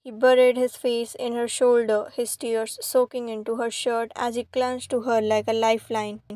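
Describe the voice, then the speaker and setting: A woman's voice: on the high side, flat delivery, normal speed, mellow, dry recording. Woman reading fan fiction, level tone. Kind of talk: storybook narration.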